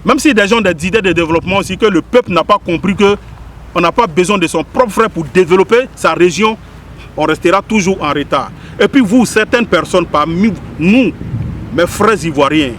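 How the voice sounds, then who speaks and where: A man's voice: high-pitched, expressive, moderate pace, a bit bright. Preachy Ivorian man, faint street noise. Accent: Ivorian French. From Ivory Coast. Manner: preachy, repeating and questioning the listener. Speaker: spiritual medium giving a public message. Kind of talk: impassioned direct-to-camera address.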